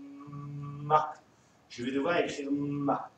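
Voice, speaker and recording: A man's voice: fairly high pitch, completely flat delivery, extremely slow, fairly bright tone, very echoey, distant mic, slight background noise, rough recording. A man teaching a remote lesson to young children, with a French accent, talking in a patient, sing-song way. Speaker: kindergarten teacher.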